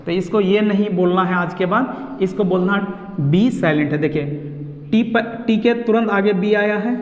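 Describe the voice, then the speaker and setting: High-voiced man teaching in an echoey room. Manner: slow and repetitive, explaining step by step. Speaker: English teacher. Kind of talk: online pronunciation lesson. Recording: echoey room, dull lo-fi sound.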